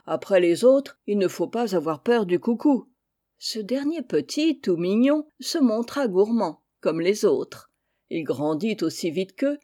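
A woman reading a children's story aloud with gentle, measured narration. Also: mid-range voice.

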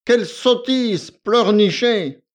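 Man doing a smug young valet, nasal and drawling, higher and louder than the narration, audiobook. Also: expressive, slow. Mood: bored, condescending. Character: arrogant lazy young male valet, disdainful.

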